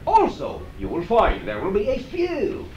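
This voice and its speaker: A channeler fields audience questions by voicing an alien entity, his high voice swooping wildly in pitch, a little mellow and heavily acted. His tone is assured, teacherly, instructive and encouraging, with halting, deliberate, formal and stilted phrasing. The audio is dull, captured on an echoey, noisy old cassette from a distant mic in an echoey room.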